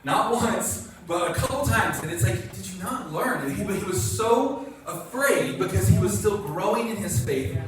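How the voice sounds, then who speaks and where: Male pastor, conversational sermon, slightly high voice, picked up from afar in a booming hall. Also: expressive, moderate pace, hardly any pauses, over loud music. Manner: conversational, acts out quotes, asks the congregation. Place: church sanctuary. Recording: echoey church hall from a distance, faint noise.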